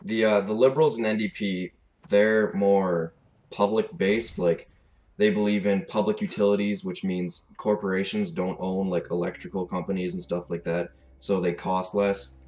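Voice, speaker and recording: A teenage gaming commentator, 17, from Alberta, Canada, rants casually and off the cuff, blunt, exasperated, and sweary. His Canadian-accented voice sits low with a darkish tone, flat delivery, and moderate pace, recorded at home with clear noise.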